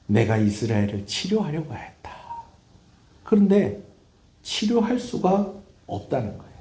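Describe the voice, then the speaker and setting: A male pastor preaches in a church, swinging his pitch widely as he tells stories. His voice is mellow and darkish. The sound rings through an echoey hall. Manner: animated storytelling preacher, acting out scenes. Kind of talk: sermon. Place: church sanctuary.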